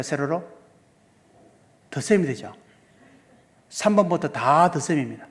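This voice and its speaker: A male pastor giving a seminar sermon, asking the congregation questions and walking through sums step by step. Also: a little high. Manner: asks the congregation many questions. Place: church sanctuary. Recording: long hall reverb.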